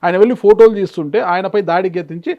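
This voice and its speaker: High-voiced, fast, probing male interviewer. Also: dark tone, dull audio. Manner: probing, persistent questions; frequent short acknowledgements. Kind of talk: political interview.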